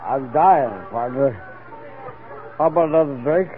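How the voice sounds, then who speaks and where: A man's voice: fairly high pitch, normal speed, crowd noise, natural voice. A man doing a blustering frontier drawl. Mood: stubborn. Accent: American frontier Western dialect. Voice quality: rough drawl, folksy. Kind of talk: 1950s radio drama acting. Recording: narrow-band 1950s radio broadcast with music.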